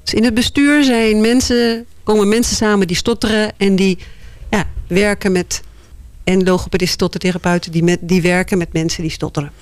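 A woman guest answers interview questions thoughtfully, pausing often as she searches for words. Her voice is middle in pitch. The recording is dry and close. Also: steady tone, no echo. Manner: thoughtful, hesitant, many "eh" and "ja" pauses. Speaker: board member of a foundation, interview guest.

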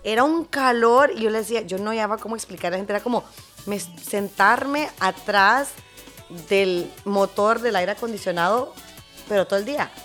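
Interview guest: woman, mid-pitched, lively, switches into English mid-sentence, faint music underneath. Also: normal speed. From Honduras. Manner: mixes English words into Spanish; lively storyteller who acts out quotes. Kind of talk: casual interview chat.

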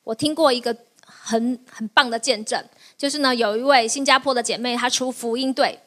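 A woman pastor preaching in a high, bright-sounding voice. She keeps the sermon lively, laughing often as she teaches. She tosses quick questions to her listeners and answers them herself.

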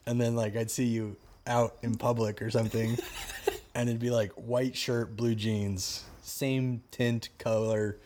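A man's voice: medium pitch, little pitch movement, unhurried, a little mellow. A man with a Chicago accent hosting a podcast and chatting casually and jokingly with his brother outdoors at night. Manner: joking, self-deprecating. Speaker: podcast host.

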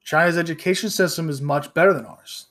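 A man's voice: a little high, fairly quick, a bit bright. A man in his thirties hosting a solo podcast, ranting bluntly and profanely with frequent restarts and stumbles. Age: 30s. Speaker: podcast host.

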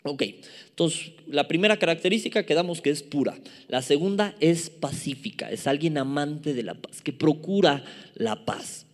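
A man's voice: a little high, normal speed. Mexican man preaching in a reverberant hall. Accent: Mexican Spanish. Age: 30s. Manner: emphatic, repeats key words, playful asides to the congregation. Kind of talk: sermon.

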